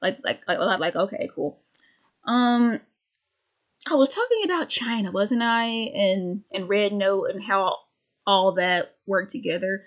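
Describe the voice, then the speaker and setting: A woman's voice: medium pitch, lively intonation, a little slow. A woman of twenty-five ranting casually to camera, rambling and sardonic, with many restarts and stammers. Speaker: vlogger.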